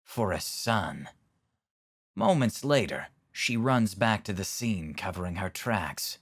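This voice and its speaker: The Riddler, slow and theatrical villain. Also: male voice, low voice, expressive, a bit bright, exaggerated voice. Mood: theatrical, insinuating. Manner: theatrical, self-questioning, pompous. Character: smug, theatrical male villain obsessed with riddles. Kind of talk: scripted motion comic acting.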